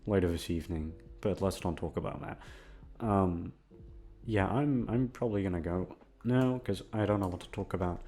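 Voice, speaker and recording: This young man, an audio content creator, has a fairly low, darkish voice as he rambles in casual conversation. He comes across goofy and self-deprecating, swears freely, and there's music in the background.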